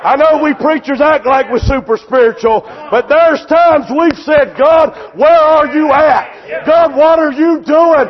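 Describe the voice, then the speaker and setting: High-voiced shouting male preacher. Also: unhurried, hardly any pauses, lo-fi sound, some chatter behind. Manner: impassioned, often shouting, repetitive preaching cadence. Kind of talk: sermon.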